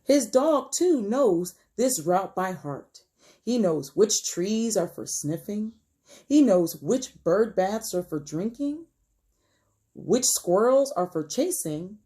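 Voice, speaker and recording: A woman teacher reads a picture book aloud to young children, telling the story in a gentle, expressive way and asking her pupils questions. Her voice sits at a medium pitch, and she takes her time.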